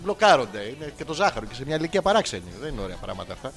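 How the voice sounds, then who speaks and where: A man's voice: mid-range voice, sing-song, creaky, a bit bright, soft background music. A man co-hosting a comedy podcast, cracking crude jokes and playfully interrupting his partner. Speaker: podcast co-host. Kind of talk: casual comedic banter.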